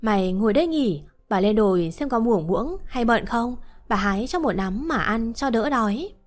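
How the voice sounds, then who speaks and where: A woman's voice: a little high, lively intonation, moderate pace, natural voice. A woman voicing a blunt, scolding but caring old village woman, over faint music. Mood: worried.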